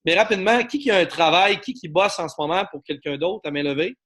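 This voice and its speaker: A man from Quebec with a Québécois French accent, giving a persuasive network marketing pitch and asking the audience to agree with him. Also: animated, fast talker, a bit bright. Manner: persuasive, asks the audience for agreement, many fillers. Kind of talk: sales pitch to an online audience.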